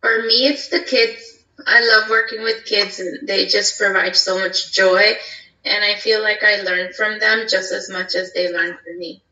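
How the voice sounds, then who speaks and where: A woman's voice: medium pitch, fairly even intonation, measured pace, sharp tone. A woman from New York City sharing earnestly in a church group video call. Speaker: group participant. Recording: echoey, distant, dull video call audio.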